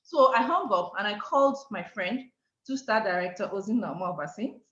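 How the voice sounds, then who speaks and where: A woman's voice: mid-range voice, fairly quick. A middle-aged Nigerian woman with a Nigerian accent, telling her story as a guest speaker and acting out the dialogue. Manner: animated, acts out quoted dialogue. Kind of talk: storytelling talk. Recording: echoey, dull online call audio.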